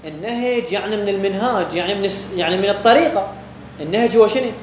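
In an echoey room with a faint background hum, a man speaking quickly in a high voice, with an Iraqi Arabic accent, walks students through a religious jurisprudence text, raising questions and answering them himself.

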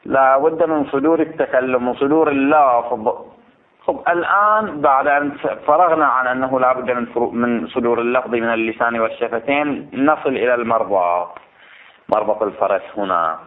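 A man's voice: medium pitch, a little fast. A man teaching religious law to students. He explains a text, repeats his points and keeps checking whether they follow. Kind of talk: seminary lesson explaining a text. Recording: tinny phone-like recording.

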